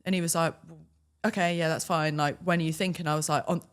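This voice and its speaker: A woman's voice: low voice, fast talker. A young woman, a podcast guest telling casual stories with quoted dialogue and frequent laughs. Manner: lively, laughs often, acts out quoted dialogue. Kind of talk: casual storytelling.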